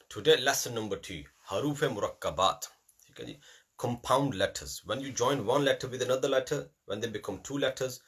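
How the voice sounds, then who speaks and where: A man leads a classroom Qur'an lesson. His voice sits low and sounds husky, yet it carries a bright, forceful edge. He repeats letters over and over, slipping in Urdu asides. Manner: repetitive, drills letters aloud, mixes in Urdu phrases. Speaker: Qur'an teacher.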